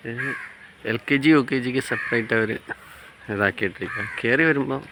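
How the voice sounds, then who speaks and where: A woman vlogging her child's school day, chatting to viewers and teasing her daughter with questions, outdoors at a busy school on a rainy day. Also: very deep voice. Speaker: family vlogger and mother. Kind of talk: casual vlog narration to viewers. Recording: noisy phone audio with a crowd. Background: crowd of parents and children, background noise.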